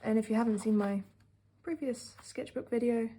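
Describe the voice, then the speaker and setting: A woman's voice: on the high side, fairly even intonation, moderate pace, warm tone, slightly rough. A young British woman from the UK narrating a casual sketchbook tour, rambling with many fillers and a sarcastic edge. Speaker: art vlogger.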